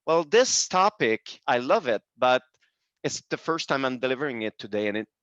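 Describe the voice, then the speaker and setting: Very animated and fairly bright in tone, a mid-range-voiced man from Quebec, Canada, hosts a webinar in English with his Quebec French accent. His presentation is hesitant, with frequent pauses and restarted sentences in his second language. The video call sound is dull and dry, with no room sound.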